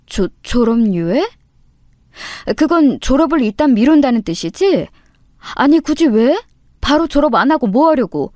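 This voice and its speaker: A woman's voice: a little high, normal speed, a little mellow, no echo, studio quality, lightly acted. A woman doing a fretful nagging middle-aged mother. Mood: alarmed. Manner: anxious, pressing questions.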